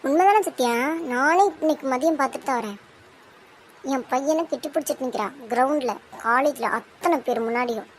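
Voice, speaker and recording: A bossy middle-aged aunt from a cartoon soap drama, played by a woman in a high voice. She lectures and scolds, always sure she is right. Faint noise is heard underneath. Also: fairly quick, lightly acted. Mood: scolding. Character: domineering middle-aged aunt and mother-in-law-to-be.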